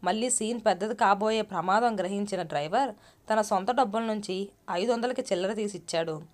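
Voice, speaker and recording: A woman storyteller narrating a moral story in a steady, even reading voice. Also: medium pitch, fairly quick.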